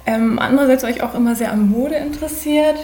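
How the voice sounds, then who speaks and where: A woman in her forties from Germany, a podcast guest, talking thoughtfully with many pauses and fillers. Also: high voice, warm tone, slight background noise. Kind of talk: conversational podcast interview.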